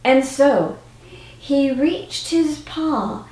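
A woman telling a folktale in an animated, expressive way, now and then slipping into song. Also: high voice, very slow. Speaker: storyteller. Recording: roomy with faint autoharp.

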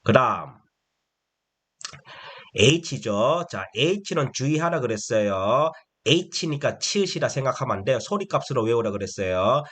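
A man's voice: medium pitch, animated, fairly bright tone, breathy edge. A man teaching a phonics lesson to older learners, asking questions again and again and pushing out each letter sound for them to repeat. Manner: slow, repetitive call-and-response questioning; prompts answers with emphatic letter sounds.

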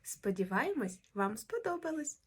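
A woman teacher greeting young children softly before and after a story. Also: high voice, very animated, moderate pace, breathy edge.

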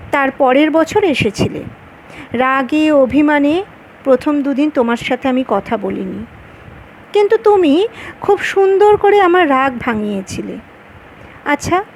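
A woman's voice: sits high, a little hiss or hum, low-quality recording. A woman reading the lines of a grown woman in love, wistful and playfully stubborn, in her own voice.

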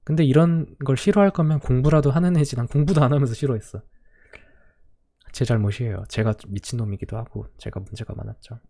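A young man in his twenties, a streamer telling stories in a casual radio-style chat, acting out quotes, his voice gone hoarse. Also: medium pitch, fast talker. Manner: storytelling, acting out quotes with swings in loudness.

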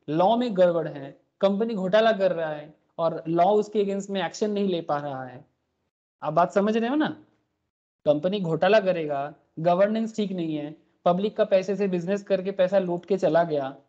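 A man teaches an online class over a recorded meeting call. His voice is mellow and the audio is dull and lo-fi. He keeps asking the students questions and checks that they follow. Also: high-pitched. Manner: explains with rhetorical questions and frequent checks. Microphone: computer mic on a recorded video call.

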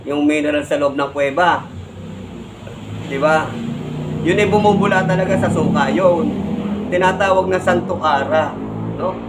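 A man's voice: a little high, normal speed, pauses often, very noisy. A man with a Filipino accent, a vlogger scolding another vlogger as he explains, ending his points with tag questions. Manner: lecturing, repeats "no?" and "di ba?" as tags.

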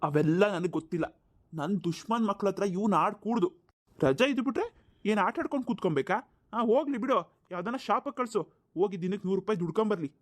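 A man's voice: high voice, expressive, fast. A man playing a harsh, abusive father in a cartoon, scolding and sneering with mocking laughs. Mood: scornful scolding. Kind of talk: cartoon voice acting.

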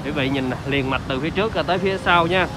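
Male used car salesman, southern Vietnamese accent, higher-pitched, improvised reassuring walkaround pitch, noticeable outdoor lot noise. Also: quick pace. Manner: salesman's pitch, repeatedly addressing viewers with reassurances.

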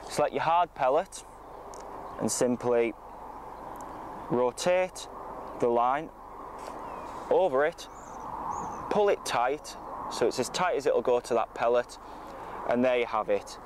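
Talking slowly and pausing often, this man has a medium-pitched voice. As a fishing coach, he delivers an informal, matter-of-fact instructional talk to camera from a lakeside bank outdoors, with ambient outdoor noise in the recording.

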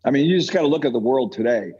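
An American man from the United States, a podcast guest who is an entrepreneur and author, gives opinionated interview answers, insistent and emphatic, repeating phrases for effect. His mid-range voice is animated and racing, darkish and husky, with lo-fi sound.

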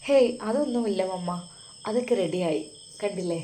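A woman voicing a shy, tired young daughter who quietly brushes off her parents' worry. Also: mid-range voice, lively intonation, normal speed, slight background noise, lightly acted.

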